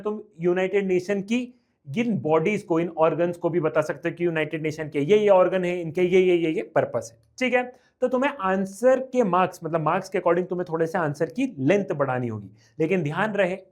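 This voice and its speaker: A young man teaching an exam revision lecture, lively and repetitive, often checking whether the class has understood. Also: high voice. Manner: reads English lines slowly, then explains quickly.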